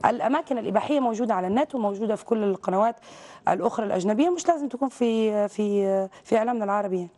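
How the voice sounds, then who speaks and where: A woman from Saudi Arabia speaks very fast, pressing her points hard in a televised interview. Her voice is mellow and dark in tone, and she talks with emphatic conviction. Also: mid-range voice. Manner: outspoken, rapid and emphatic. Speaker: guest, visual artist. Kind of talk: TV interview conversation.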